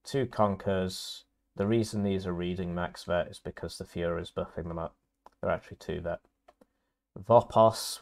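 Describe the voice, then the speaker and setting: A man with a nasal, congested voice, casually casting and explaining a strategy game match from home. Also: low-pitched. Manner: talks through options, casual and wry. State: congested from illness. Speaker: game caster.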